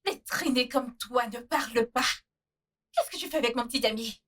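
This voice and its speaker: A woman's voice: fairly high pitch, normal speed, far from the mic. An actress playing a jealous, furious young girlfriend who hurls insults. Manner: shouting insults. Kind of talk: dubbed film drama.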